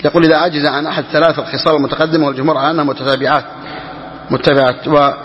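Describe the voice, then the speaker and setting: A man teaching Islamic law to a class, reading lines slowly and repeating key phrases as he explains. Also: fairly high pitch. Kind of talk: classroom lesson explaining a legal text. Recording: dull lo-fi recording with hall reverb.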